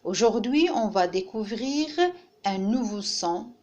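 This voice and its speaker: A woman's voice: mid-range voice, expressive, slow pace, a little mellow, dull audio. A woman teacher giving a reading lesson to young children, patiently repeating each word and splitting it into syllables. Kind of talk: French phonics lesson for children.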